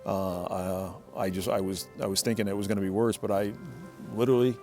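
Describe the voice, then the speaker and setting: A middle-aged man, a motorcycle owner, tells a casual, rambling story from his shed workshop, often restarting and repeating words. His voice sits on the low side with little pitch movement, brisk and warm, over soft background music.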